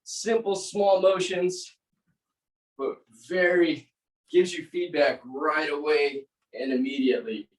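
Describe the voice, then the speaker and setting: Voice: medium pitch, steady tone, slow. Aerobics instructor coaching in an echoey room. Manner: aerobics instructor cueing, short encouraging commands and counts. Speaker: aerobics and fitness class instructor. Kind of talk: live group workout coaching with counted reps. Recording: roomy echo, distant mic.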